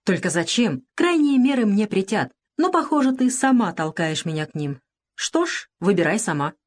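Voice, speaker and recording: A woman's voice: mid-range voice, sing-song, moderate pace. Woman voicing a cruel, sarcastic plantation master. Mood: domineering. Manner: harsh, commanding, sarcastic. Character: domineering male plantation owner, cruel and mocking. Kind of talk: audiobook character reading.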